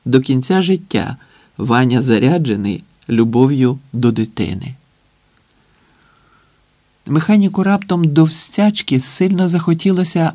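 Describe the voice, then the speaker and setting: Measured male audiobook narrator. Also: medium pitch, dark tone, dry recording.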